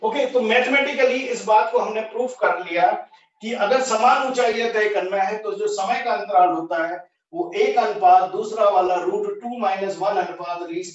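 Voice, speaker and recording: A man teaching a physics lesson, working through steps at a board, thinking aloud, correcting himself and checking with the class. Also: high voice. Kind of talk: explaining at a whiteboard. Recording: echoey, distant, dull lo-fi room sound.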